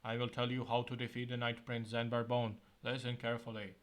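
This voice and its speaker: A stern, tired old male wizard speaks calmly and gravely, laying out instructions in a measured, solemn way, as a man reading a gamebook puts him on. His voice sits at a middling pitch and stays close to an ordinary reading voice. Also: close to an everyday voice.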